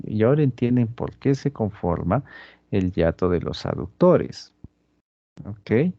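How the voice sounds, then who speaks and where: A man teaching anatomy over a dissection in a slow, deliberate way, constantly checking that the students follow. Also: fairly low pitch, vocal fry, warm tone, no room sound, lo-fi sound. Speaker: anatomy instructor. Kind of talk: lecturing during a dissection demonstration.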